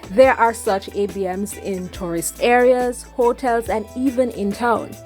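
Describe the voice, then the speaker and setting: A woman hosts a travel advice vlog in a somewhat high-pitched voice. Her scripted delivery is upbeat and neatly ordered, moving step by step. Light music plays behind her narration. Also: fairly even intonation, unhurried, a little mellow. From Jamaica. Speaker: travel vlogger and host.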